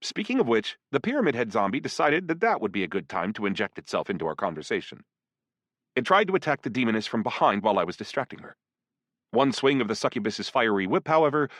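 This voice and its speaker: A man narrating a first-person dark fantasy audiobook in an expressive storytelling manner. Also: mid-range voice, fast talker, dry recording, clean studio sound.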